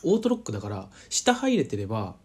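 A man casually telling a personal story to camera, chatty and full of fillers, animated as he retells events. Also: fairly low pitch, quick pace, breathy edge. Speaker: vlogger.

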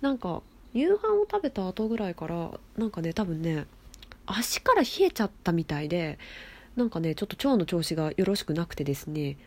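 A woman hosting her own casual talk show, chatty and excitable, often laughing and gushing as she reads out messages from listeners. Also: fairly low pitch, brisk. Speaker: solo talk show host. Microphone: phone app recording.

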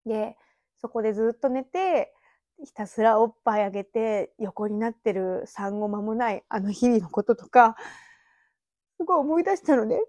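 This podcast host, a woman in her thirties, speaks at normal speed in a somewhat high, slightly mellow voice. The recording is dry, made on a phone app mic in an empty house, as she rambles through casual, chatty reminiscences with little laughs.

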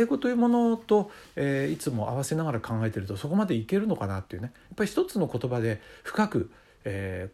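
A man's voice: mid-range voice, vocal fry, darkish tone. A middle-aged man hosting a casual solo talk show, musing in a conversational way with many fillers. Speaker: podcast host.

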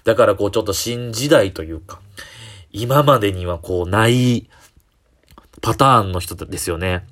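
A young man, hosting a casual solo talk show, animated and full of fillers. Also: fairly low pitch. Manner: animated, many fillers, jumps between quick and drawn-out phrasing. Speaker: comedian podcast host.

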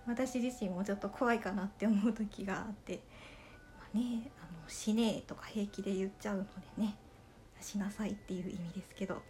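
Kansai-accent woman chatting on her podcast, warm mellow voice, polite and easygoing. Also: mid-range voice, a little hiss or hum. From Okayama, Japan. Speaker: podcast host reading listener letters. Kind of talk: casual solo podcast chat.

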